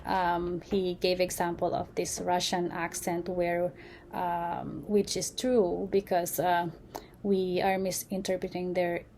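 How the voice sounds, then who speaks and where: A woman giving an unscripted lecture, halting often with fillers and restarts. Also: lowish voice, little pitch movement, darkish tone, a little hiss or hum. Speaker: presenter.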